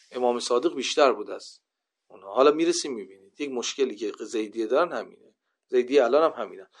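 A man teaching a religious class, reading out Arabic narrations and explaining them, with emphatic rises when he quotes. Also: medium pitch. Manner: lively storytelling, rising to loud emphasis when quoting. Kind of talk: religious lecture.

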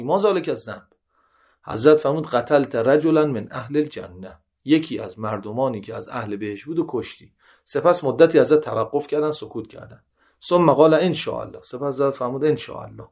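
A man giving a seminary lesson, reading Arabic narrations aloud and explaining each in conversational Persian, with sudden rises in pitch when he quotes. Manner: reads Arabic passages then paraphrases in colloquial Persian; animated, with sharp rises in pitch when quoting. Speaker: religious teacher.

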